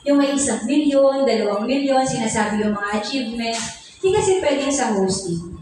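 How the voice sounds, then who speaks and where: A woman mentor with a high voice leads a seminar training, playful and teasing as she acts out examples. She sounds far from the mic, with a strong hall echo and faint background noise. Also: expressive, moderate pace, darkish tone, soft background music. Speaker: business mentor.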